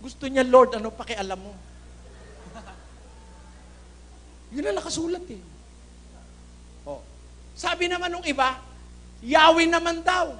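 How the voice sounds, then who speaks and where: A man preaching in a Filipino accent, forceful and indignant, firing rhetorical questions at his congregation. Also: very high-pitched, lively intonation, unhurried, long pauses, slight background noise. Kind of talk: Taglish sermon with Bible readings.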